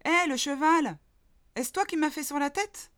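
A woman's voice: unhurried, a bit bright. A woman voicing an indignant little female mole in a children's storybook reading, grumbling and demanding answers. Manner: shrill, complaining, demanding.

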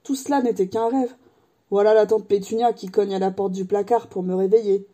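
A woman's voice: mid-range voice, steady tone, a little fast, dark tone, natural voice. A woman reading aloud and voicing a curious, eager young wizard boy who asks many questions. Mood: glum. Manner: wondering, questioning.

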